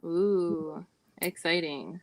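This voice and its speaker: A woman's voice: lowish voice, very slow, vocal fry. A woman chatting casually as a co-host during an online game. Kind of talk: casual chat.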